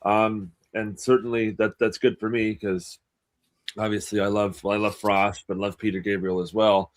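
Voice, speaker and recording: A man's voice: lowish voice, level tone. Earnest, gushing man in his twenties. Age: 20s. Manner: gushing, earnest, with halting restarts. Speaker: co-host. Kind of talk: casual panel chat.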